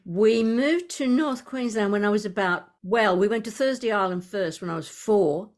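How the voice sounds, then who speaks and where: In a mid-range voice at normal speed, an Australian-accented woman in her seventies hosts a podcast interview. Her style is talkative and digressive, and she laughs easily.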